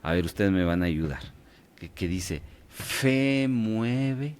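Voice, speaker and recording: A man's voice: sits low, fairly even intonation, normal speed, darkish tone. A man leading a radio Bible class, quizzing his listeners and checking in often to see that they follow. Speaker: Bible study teacher.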